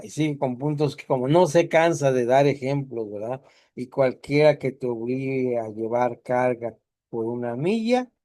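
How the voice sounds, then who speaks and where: A man's voice: medium pitch, mellow, no room sound, clean studio sound. Chatty man teaching a class. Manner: conversational, asks the class rhetorical questions.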